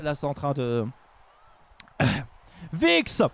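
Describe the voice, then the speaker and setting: A man commentating battles live on a stream, joking and rambling, with bursts of shouted hype. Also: fairly high pitch, wildly swooping pitch, very slow, creaky.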